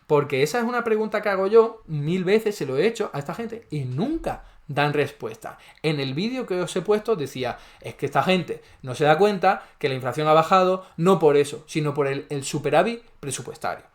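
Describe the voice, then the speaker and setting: Combative man, higher pitch. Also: animated, brisk, hardly any pauses. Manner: combative, rhetorical questions, sarcastic. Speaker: economist commentator, channel host. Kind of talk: argumentative video monologue.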